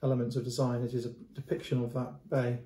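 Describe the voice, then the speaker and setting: Mellow-voiced man explaining a painting. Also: medium pitch, flat delivery, fast talker. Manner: unscripted, repeats words and restarts, gestures at the canvas. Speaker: antiques dealer. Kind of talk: casual video commentary on a painting. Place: indoor room at home. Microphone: camera at close range. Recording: roomy echo.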